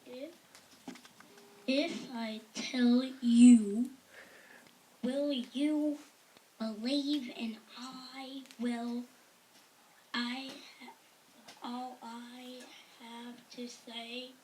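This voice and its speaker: A woman voicing a humble, earnest male missionary sock puppet with halting, deliberate delivery in an amateur show. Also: a little high, fairly even intonation, dark tone. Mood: solemn. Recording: distant mic with faint noise.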